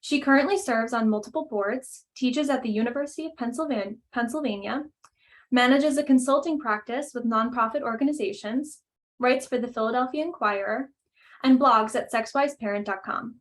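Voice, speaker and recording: A woman's voice: a little high, fairly quick. A woman hosting a webinar over a video call, reading out a speaker introduction in a friendly way with frequent "um" fillers. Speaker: webinar host and coordinator.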